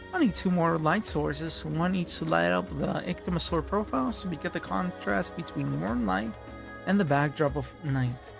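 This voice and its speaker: A man's voice: fairly high pitch, vocal fry. A man voicing a fussy, pompous male photographer with a theatrical, flowery manner, reading game lines aloud. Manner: theatrical, flowery, sputtering insults.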